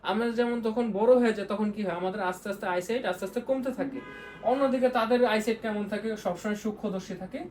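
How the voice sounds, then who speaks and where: A woman's voice: medium pitch, rapid-fire, darkish tone, soft background music. A young woman giving a casual vocabulary lesson in a chatty way, repeating words as she explains them. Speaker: vocabulary tutor. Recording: faint background noise.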